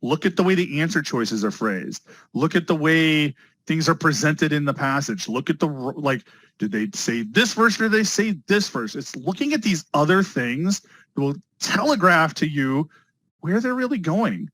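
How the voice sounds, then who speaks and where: An energetic male instructor teaching a live class, his pitch a little high and swinging widely as he talks. The sound is dry and close, with no room around it. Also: normal speed, no room sound, low-quality recording. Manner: energetic, talks to students with repeated phrases. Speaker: test prep instructor. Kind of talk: live online class lecture.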